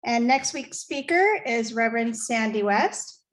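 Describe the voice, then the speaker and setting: A woman's voice: a little high, animated, unhurried. A woman hosting a church service, giving friendly announcements and leading the congregation in prayer.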